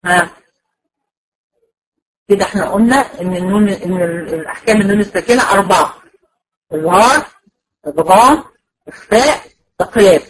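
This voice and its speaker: A woman with an Egyptian accent giving a patient, explanatory recorded lecture to a class, drawing out example words slowly. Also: medium pitch, husky, low-quality recording. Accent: Egyptian Arabic. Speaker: teacher.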